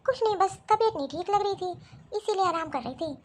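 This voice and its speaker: A woman's voice: very high-pitched, lively intonation, brisk, voice pushed up. A woman voicing a frail elderly mother-in-law. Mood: weary, gentle. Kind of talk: animated story voice acting.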